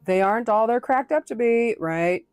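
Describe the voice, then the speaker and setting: A woman's voice: a little high, normal speed, a little mellow, clear, resonant tone, dry recording, clean studio sound. A woman from New England chatting casually with viewers on a live stream, rambling with lots of fillers and restarts.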